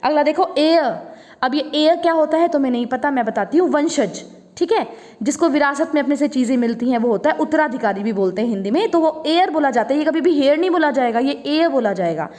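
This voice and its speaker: Indian lady teaching grammar to kids, high pitched, says each word over and over, kinda echoey room. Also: animated, darkish tone. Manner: explains each rule slowly, repeating words to drill pronunciation. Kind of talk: classroom lesson.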